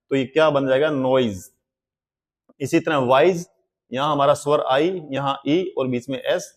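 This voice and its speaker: A male teacher giving a classroom-style language lesson, spelling words letter by letter and explaining slowly and deliberately. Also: fairly high pitch.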